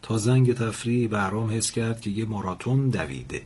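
Here a man with a lowish, breathy-edged voice tells a story aloud, animatedly narrating and performing the characters' lines himself.

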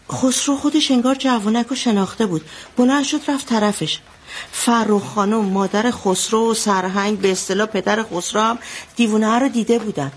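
A woman's voice: a little high, slight background noise, lightly acted. An actress playing an anxious mother who recounts a bloody wedding in a radio drama, telling it vividly. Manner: vivid storytelling, shouting out the quotes she retells.

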